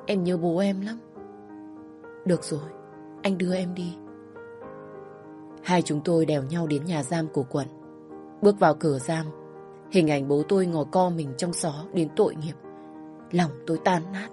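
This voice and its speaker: A woman reading a first-person story aloud in a slow, sorrowful way. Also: deep voice, warm tone, husky. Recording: dry close voice over faint music.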